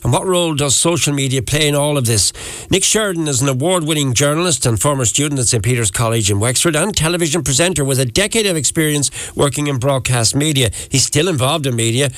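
A man's voice: fairly high pitch, fast, fairly bright tone, no echo. A middle-aged man with an Irish accent, presenting an interview as a radio host.

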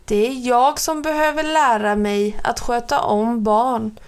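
A woman voicing a calm young man explaining himself patiently to a sad child. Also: a little high, smooth, lightly acted. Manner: reasonable, explaining. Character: calm young man, trainee preschool teacher.

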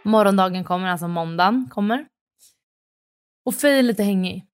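A woman's voice: mid-range voice, loud music behind the voice. A woman in her thirties co-hosting a podcast, telling a story in casual chat, acting out what others said and swearing freely. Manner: animated retelling, acts out dialogue, swears casually. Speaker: podcast co-host.

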